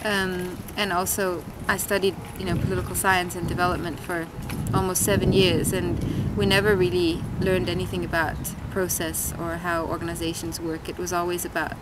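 A Danish woman in her thirties thinks aloud while answering interview questions, pausing often with ums and restarts. Her voice is fairly low and level in tone. She sits at a street-side table outdoors by a tiled wall, with loud city traffic behind her.

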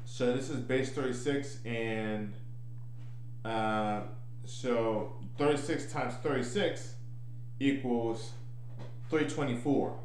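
A middle-aged man explaining his code in an informal tutorial, thinking aloud, haltingly repeating and restarting his phrases over and over. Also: mid-range voice, steady tone. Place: small indoor room at home. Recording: echoey room, clear background noise.

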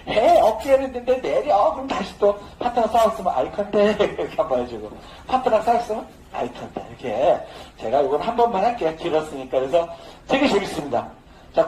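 A dance instructor with a high, slightly mellow voice teaches a social dance class, joking casually and laughing often. The room echoes, with faint noise.

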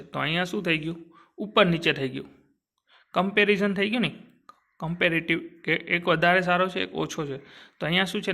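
A man's voice: a little high, gravelly, sharp tone. A young man teaching a grammar lesson for exam students, repeatedly asking short questions and answering them himself. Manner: asks and answers his own questions. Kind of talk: classroom grammar lecture.

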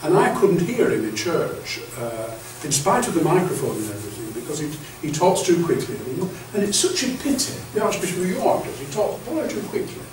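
A bishop in his later years speaks to clergy in a fairly high, very animated voice, fairly quick and with few pauses, chatting through anecdotes and frequently stammering as he restarts. The camera sits across an echoey meeting room with a projector screen, so he sounds far off, with faint hiss underneath.

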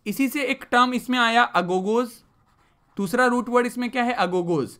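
A man's voice: extremely high pitch, normal speed, pushed and bright. A male teacher giving a vocabulary lesson, mixing English terms into Hindi and asking the class questions he then answers himself. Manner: explains with repeated rhetorical questions.

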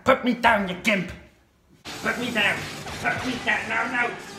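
A young man screaming and shouting in alarm like a panicking gamer in a room at home. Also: very high-pitched, steady tone, unhurried, creaky, very noisy. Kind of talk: screaming reactions while gaming. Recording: echoey room, far from mic, music.

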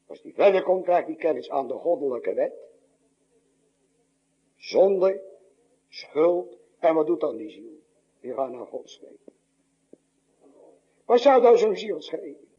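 Older male pastor, husky voice, lively rising and falling pitch, dramatic sermon delivery, dull lo-fi recording. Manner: dramatic preaching, swinging between loud high cries and low hushed lines.

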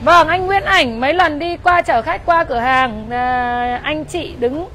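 A woman's voice: sits high, a little slow, bright, forceful tone. A chatty woman with a northern Vietnamese accent hosting a casual sales livestream, talking to viewers. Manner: chatty, thanking and greeting viewers. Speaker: motorbike shop livestream host. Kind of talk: casual live sales chat. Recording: outdoor livestream with faint traffic noise.

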